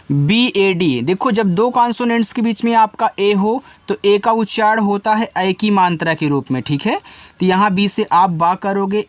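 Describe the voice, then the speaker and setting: A man giving an English lesson step by step, patiently repeating each word and its meaning and spelling letters out slowly. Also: high voice, dry recording. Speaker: English teacher.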